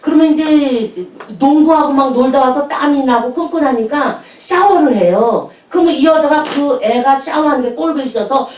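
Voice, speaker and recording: A woman's voice: high-pitched, normal speed, hardly any pauses, a little mellow. A woman pastor telling chatty anecdotes in a sermon, laughing often as she speaks. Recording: echoey room, distant mic.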